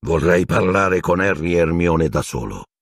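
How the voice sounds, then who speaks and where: A man voicing a calm, wise old male headmaster wizard in an audiobook, slow and measured. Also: deep voice, vocal fry, husky, dry recording, studio quality, exaggerated voice. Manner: calm, quiet authority.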